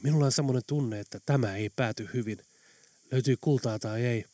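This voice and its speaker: A man voicing a serious, brave male captive who talks in a hushed, urgent way. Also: medium pitch, no echo, close to an everyday voice.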